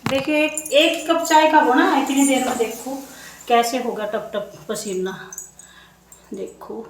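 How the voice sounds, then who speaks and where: A young woman vlogging casually from her hot home kitchen, hoarse and unwell, chatting and complaining straight to her viewers. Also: high voice, fairly even intonation, unhurried. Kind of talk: casual chat to camera. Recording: echoey room, faint noise.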